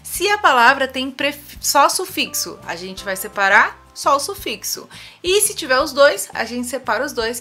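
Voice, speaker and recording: Brazilian woman, patient online teacher, bright and slightly high, repeats and checks in with the viewer. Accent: Brazilian Portuguese. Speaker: English teacher. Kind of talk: online tutorial explaining rules.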